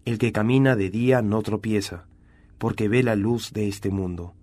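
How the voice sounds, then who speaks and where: A calm, grave Jesus, as a man reads him aloud, speaking in a slow and measured way. The voice sits a little low and stays steady. It is a plain spoken scripture reading, not a full dramatic performance. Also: lightly acted. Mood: solemn. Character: Jesus, calm grown male teacher.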